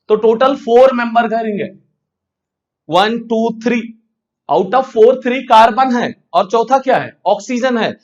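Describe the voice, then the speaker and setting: Guy teaching science class, high lively voice, asks then answers himself, kinda dull lo-fi sound. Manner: asks questions and answers them himself, drawn-out key terms. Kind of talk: classroom lecture.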